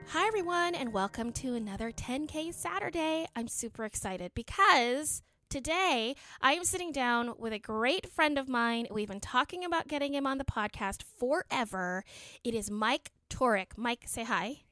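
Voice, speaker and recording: A woman's voice: high-pitched, animated, normal speed, pushed and bright, dry recording, studio quality. A woman hosting a podcast, chatting casually with her guest in an enthusiastic, talkative way. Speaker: podcast host. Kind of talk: casual interview chat.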